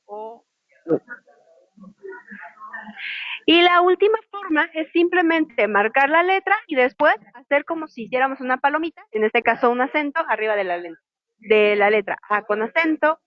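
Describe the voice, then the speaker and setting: A woman's voice: on the high side, no echo. A woman teaching sign language in an online class, explaining patiently and spelling out letters one by one. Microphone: video call microphone. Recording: muffled lo-fi video call audio.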